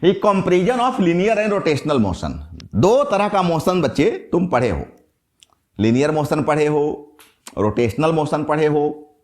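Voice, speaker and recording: Lively male physics teacher. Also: on the high side, slow. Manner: lively, questions the class and answers himself. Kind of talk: classroom lecture.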